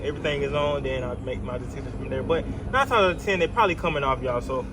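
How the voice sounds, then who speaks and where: A young vlogger speaks casually to his phone camera outdoors while removing his Jeep's vinyl wrap, saying "y'all" and "man" a lot. His voice is medium-pitched and quick, with background noise around him.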